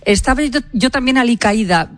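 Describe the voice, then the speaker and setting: A woman's voice: on the high side, expressive, normal speed, no room sound. A woman giving a chatty, amused commentary segment on a radio show. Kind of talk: casual radio chat.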